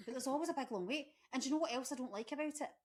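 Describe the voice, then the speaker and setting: A woman's voice: high-pitched, very fast, darkish tone. A woman co-hosting a casual chat, jumping in with jokey asides. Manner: chatty, jumps in with jokey asides. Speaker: podcast co-host.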